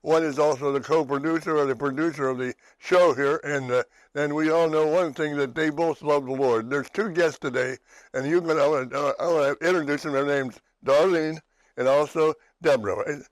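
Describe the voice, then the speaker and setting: A man's voice: fairly high pitch, fairly even intonation, a little fast, dry recording, low-quality recording. Pennsylvania guy hosting a faith show, rambly, keeps restarting, dry sound. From western Pennsylvania, USA. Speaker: talk show host. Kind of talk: personal testimony chat.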